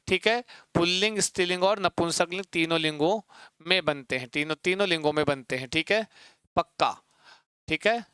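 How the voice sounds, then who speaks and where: A man's voice: high-pitched, sharp tone, smooth, no echo. Man teaching, chanting word forms. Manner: repeats points and quizzes students with rhetorical questions. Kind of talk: exam-prep lesson.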